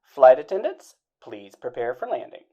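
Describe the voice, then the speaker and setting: A woman's voice: a bass voice, sing-song, normal speed, dark tone, slightly rough, pitched below the performer's own voice, heavily acted. A woman voicing an airline pilot who gives a formal cabin announcement over the plane's intercom. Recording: dull lo-fi intercom sound.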